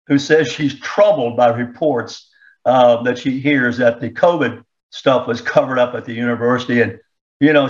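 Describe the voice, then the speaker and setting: A man's voice: medium pitch, muffled recording. A man hosting an opinion talk show, sarcastic and indignant as he reads excerpts aloud and comments on them.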